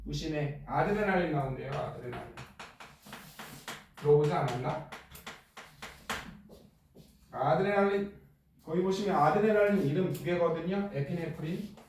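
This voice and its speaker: A middle-aged male teacher lecturing a class in a joking, blunt way and firing quick questions at students. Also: fairly high pitch, darkish tone, a little hiss or hum. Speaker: middle school science teacher. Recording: echoey classroom from far off.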